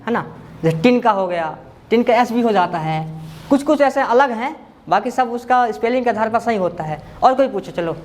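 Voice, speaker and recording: A man's voice: very high voice, lively intonation, normal speed, slight background noise. A man teaching a memory class, reciting long lists by rote and then quizzing his students in a casual, chatty way.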